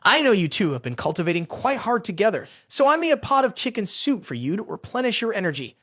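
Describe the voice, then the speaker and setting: A man's voice: high-pitched, big pitch swings, quick pace, fairly bright tone, no room sound, studio quality, heavily acted. A man voicing a scheming female senior disciple in a fantasy story recap, who plays sweet and innocent.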